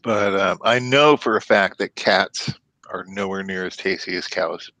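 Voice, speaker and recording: A man with a fairly low voice hosts a casual group chat over a voice call. He jokes around in a loose, profane way. His voice sounds dry and close, with little room sound. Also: measured pace, sharp tone, no room sound. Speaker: host.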